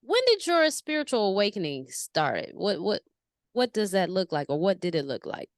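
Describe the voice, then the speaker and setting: A woman's voice: medium pitch, sing-song, normal speed, no echo, clean studio sound. A woman hosting a spiritual podcast, chatting casually with a guest, laughing and rambling with restarts. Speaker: podcast host. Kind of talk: casual interview chat.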